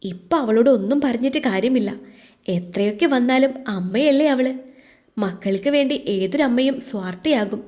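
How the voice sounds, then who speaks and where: A woman voicing a calm, gentle older father who speaks soothingly. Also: on the high side, lightly acted. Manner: soothing, measured.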